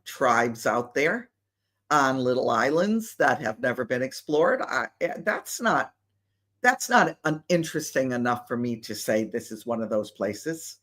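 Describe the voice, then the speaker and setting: A woman hosts her own show in a casual solo monologue. She takes her time, and her pitch rises and falls a lot. She pushes her points with skeptical rhetorical questions and asides. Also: fairly bright tone. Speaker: show host.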